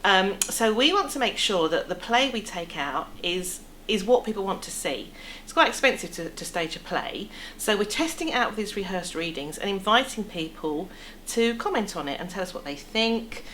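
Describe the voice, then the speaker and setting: A woman's voice: medium pitch, animated, moderate pace, hardly any pauses, a bit bright, rough recording. A middle-aged woman with an English accent, explaining things chattily in a casual interview. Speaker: theatre producer being interviewed. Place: indoor theatre foyer cafe seating area. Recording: clear background room noise.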